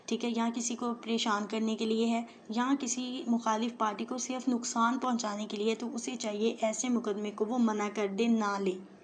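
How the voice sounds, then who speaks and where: A woman law teacher with a Pakistani Urdu accent, reading English legal rules slowly phrase by phrase and explaining each in Urdu, often checking in with "theek hai" and pausing on "uh". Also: a little high, slight background noise. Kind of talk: line-by-line legal text lesson.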